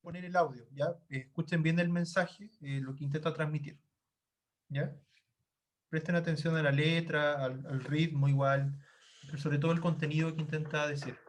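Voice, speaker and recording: A man, a high school teacher explaining a lesson and often checking in with his class. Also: steady tone. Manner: explanatory, checks in often with a quick tag question.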